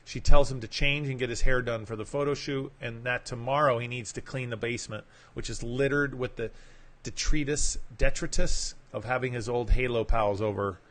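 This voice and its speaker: Podcast host, man, mid-pitched voice, reads an article aloud and drops in offhand asides. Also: steady tone, brisk, few pauses, a bit bright. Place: home setup, broadcasting live.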